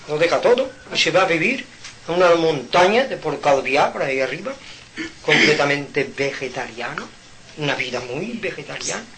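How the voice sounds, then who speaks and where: A man from Mallorca, giving an informal spiritual talk at home in an animated, preaching manner with rhetorical questions and sudden loud outbursts. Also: a little high, a little hiss or hum, poor audio. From Mallorca, Spain. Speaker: spiritual speaker.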